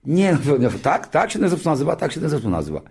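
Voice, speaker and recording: Husky-voiced older man telling stories. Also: fast. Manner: lively, jumps into high voices when quoting others; frequent restarts and filler words. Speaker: television show creator. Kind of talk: anecdotal storytelling.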